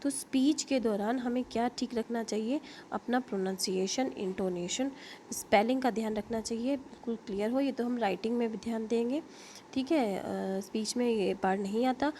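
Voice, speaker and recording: An Indian woman teaches an online linguistics class through a computer mic. Her voice sits a little high, and she explains step by step with fillers and self-corrections. She checks in with "okay?" as she goes, over a faint background hiss. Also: normal speed, warm tone. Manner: explains in Hindi mixed with English terms, frequent fillers and self-corrections. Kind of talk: online lecture.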